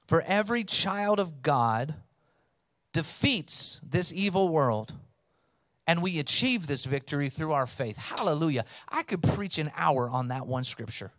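This man in his thirties, a pastor, delivers an emphatic sermon from a church stage under blue lights, calling out to the congregation with a handheld microphone and building to loud appeals for response. His voice sits a little high, with clean studio sound and no echo.

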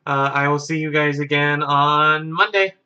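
A man's voice: on the high side, steady tone, moderate pace, bright, forceful tone, lo-fi sound. A man in his twenties chatting casually to camera as a vlogger in a bedroom. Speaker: YouTube vlogger. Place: carpeted bedroom, indoors.

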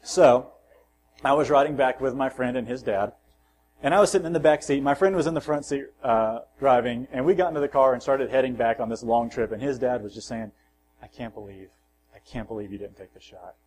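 In a church sanctuary, a man preaches at an ordinary middle pitch and a little fast, reading scripture with rising force and letting his phrases fall softly at the end. He adds self-deprecating asides and personal anecdotes. The recording is low quality, with a faint hum underneath.

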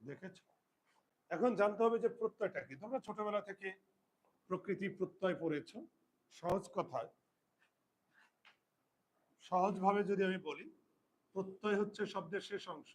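Man, teacher, high voice, slow dictation, repeats rules, asks students questions. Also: poor audio. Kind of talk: Bengali grammar lesson.

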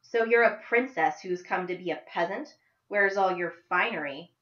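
A blunt, biting teenage girl, read aloud by a woman with a fairly low voice. Her words come out mocking and defiant. The sound is echoey and a little dull. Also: normal speed, fairly bright tone, lightly acted.

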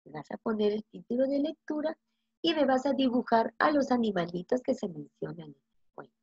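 A woman's voice: a little high, lively intonation, brisk, a little mellow, breathy edge, no echo, highs cut off. Patient woman teacher asking children questions. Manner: asks the children many questions, answers them herself. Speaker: first-grade teacher. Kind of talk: recorded remote reading lesson for young children.

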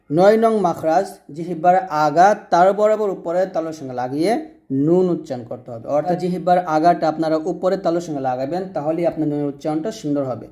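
Mellow-voiced man teaching recitation. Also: on the high side. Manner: patient, repetitive drilling with call-and-repeat prompts. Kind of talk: instructional lesson on Arabic letter pronunciation.

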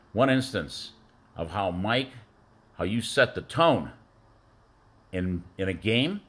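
Rambling middle-aged man, lowish voice. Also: fairly bright tone. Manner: rambling storytelling with many fillers. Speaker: former youth football coach. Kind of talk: birthday tribute speech.

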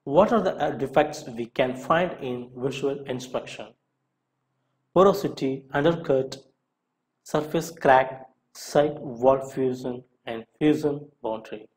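Over a low-quality recording, a mid-range male voice delivers a scripted lesson, reading questions and following each with a short answer in a deliberate, instructor-like way.

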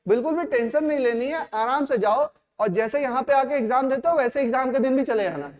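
A man's voice: extremely high pitch, brisk, lo-fi sound. A male coaching teacher giving a fatherly, repetitive motivational talk to his students in a classroom. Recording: echoey hall.

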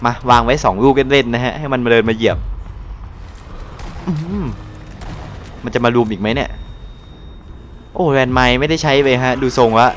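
A young man from Thailand giving casual live commentary over his gameplay, excitable and loose, swearing and exclaiming at the action. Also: medium pitch, moderate pace, pauses often, slight background noise. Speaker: gaming channel host.

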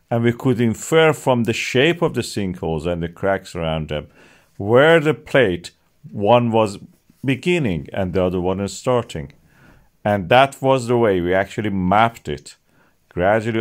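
A middle-aged man narrating a science explainer as channel host, with non-native phrasing and emphatic rises on key words. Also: lowish voice.

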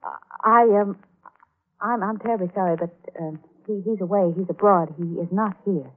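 A woman's voice: mid-range voice, moderate pace. A woman playing a nervous young woman with a guilty secret in a 1940s radio drama, stammering and flustered, heard as an old AM radio broadcast. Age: young adult. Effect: old AM radio broadcast sound. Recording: tinny narrow-band 1940s AM radio broadcast.

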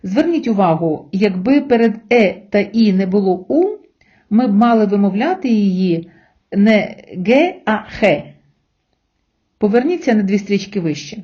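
A woman leads an online language lesson, walking through letters and sounds one by one. Her voice is mellow and warm at a middling pitch. The recording is a little dull and lo-fi. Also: very animated. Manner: slow, careful, spelling out letters and sounds. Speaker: language teacher.

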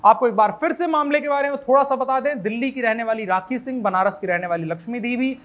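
A man's voice: very high voice, fast talker, fairly bright tone. A young man presenting a news report to camera, explaining at length and restating his points, with a few false starts, as he gestures with his hands. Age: young adult. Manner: gestures with hands while talking. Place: in front of a green screen with news images.

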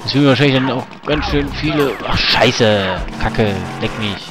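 A man with a medium-pitched voice talks at a normal speed, casually narrating a video game as he plays it. He's a chatty let's-play gamer who swears at the game now and then, with game music playing behind him.

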